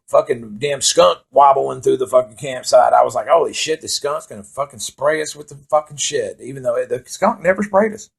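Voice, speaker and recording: This middle-aged man's voice is gravelly, a bit raspy and medium in pitch. He spins a rambling story full of constant cursing, occasionally laughing at it himself, at an easygoing, ordinary pace.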